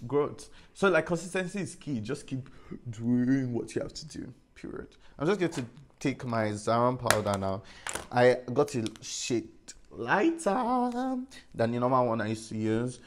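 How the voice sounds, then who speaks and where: A man's voice: medium pitch, lively intonation, unhurried. Sassy, chatty young man. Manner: chatty, sassy, full of "like" and "period". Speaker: beauty influencer. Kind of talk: casual chat while doing makeup.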